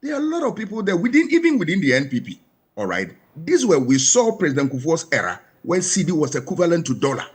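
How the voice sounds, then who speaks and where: Husky Ghanaian man, emphatic. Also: fairly high pitch, wildly swooping pitch, quick pace. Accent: Ghanaian English. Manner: emphatic, rhetorical questions. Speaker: panel guest. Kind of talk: studio panel commentary.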